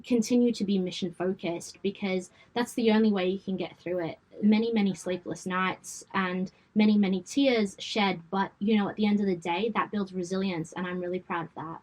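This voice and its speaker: Interview guest: woman, late twenties, western Sydney Australian accent, medium pitch, informal and candid delivery. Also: fairly even intonation, moderate pace, hardly any pauses, a little mellow, rough recording. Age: late 20s. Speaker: interview guest, event company founder. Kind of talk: conversational interview.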